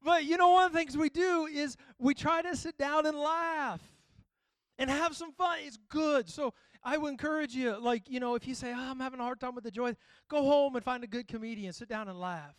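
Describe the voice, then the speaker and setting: A man's voice: very high-pitched, normal speed, a bit bright, no echo. A man preaching a sermon, telling funny family stories and exhorting the congregation. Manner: humorous, storytelling, preacherly. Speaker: pastor.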